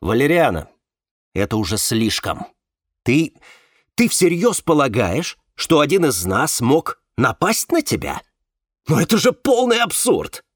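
Audiobook: reader playing a soothing but strained man, raised pitch, very animated. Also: a little slow, no echo, studio quality, full character voice. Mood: indignant. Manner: soothing, persuasive, tense. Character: calm, placating man trying to control the group.

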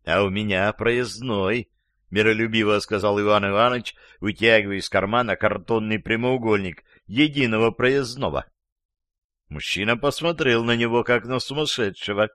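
A man narrating a story as an audiobook, in a measured, wry manner. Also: lowish voice, fairly bright tone, no echo, clean studio sound.

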